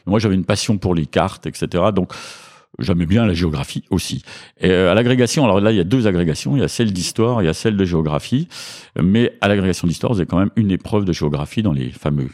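Deep-voiced man explaining, hesitant. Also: darkish tone. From Franche-Comté, France. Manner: measured, frequent hesitations. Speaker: historian guest. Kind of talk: interview answers, explanatory.

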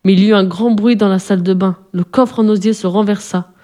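A woman reading a children's storybook aloud as narrator, calmly and evenly. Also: mid-range voice, brisk.

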